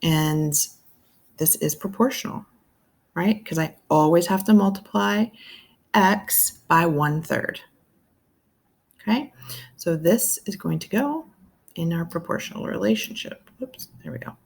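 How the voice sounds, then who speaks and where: A woman with a lowish, gravelly voice talks through a math lesson. She thinks out loud as she works each problem and keeps checking in with a quick "right?". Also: animated. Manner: thinking aloud step by step, asks the viewer "right?". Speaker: math teacher.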